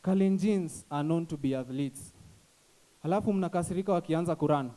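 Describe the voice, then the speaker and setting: Young Kenyan man doing stand-up, high-pitched, quick code-switching, acts out his characters. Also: warm tone. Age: young adult. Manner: switches between English and Swahili slang, acts out quoted callers. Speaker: stand-up comedian. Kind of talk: stand-up comedy set. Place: comedy stage before a live audience.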